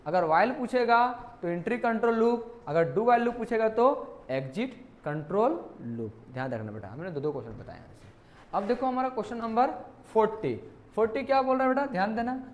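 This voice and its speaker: A man's voice: high-pitched, animated, a little fast. A male teacher, walking students through exam questions. He talks playfully and keeps asking questions back to the class. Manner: playful, repeats questions to students, calls them "beta". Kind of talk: exam question walkthrough lesson.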